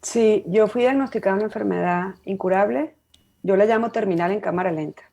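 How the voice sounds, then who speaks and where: Fast-talking Venezuelan woman in her fifties. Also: mid-range voice, creaky, warm tone. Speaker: psychologist guest. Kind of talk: interview conversation.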